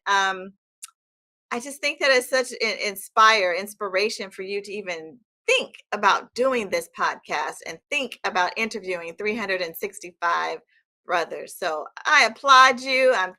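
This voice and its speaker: A woman in her fifties hosting a podcast interview, effusive and quick to laugh. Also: medium pitch. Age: 50s. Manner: warm, effusive, laughs often. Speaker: podcast host. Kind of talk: casual interview chat.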